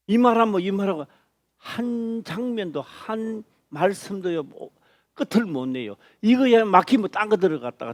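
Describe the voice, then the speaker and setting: A man's voice: high voice, no room sound, clean studio sound. Emphatic male pastor preaching. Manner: emphatic, repetitive, bursts of loud stress. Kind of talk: sermon. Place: church.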